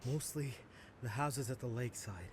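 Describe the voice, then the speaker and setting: A man's voice: medium pitch, normal speed, darkish tone, a little hiss or hum, close to an everyday voice. An actor playing a nervous male spy in a game, reporting in a deferential, apologetic way.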